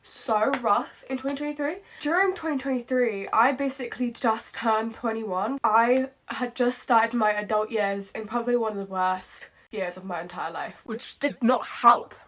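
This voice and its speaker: A young woman in her twenties shares her thoughts in a late-night vlog. She speaks candidly and loosely, circling back on her points with plenty of "like"s, in a voice set a little high for a woman. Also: normal speed, hardly any pauses, fairly bright tone. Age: 20s. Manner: candid, rambling, repeats herself, frequent "like". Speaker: vlogger.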